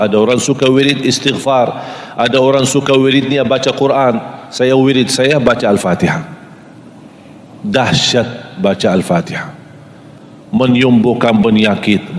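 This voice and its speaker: Delivering a sermon to a live audience, this Arabic-speaking man has a medium-pitched voice and recites in Arabic. He questions his listeners and lists items slowly and deliberately. The recording carries a long, echoey reverb from the hall.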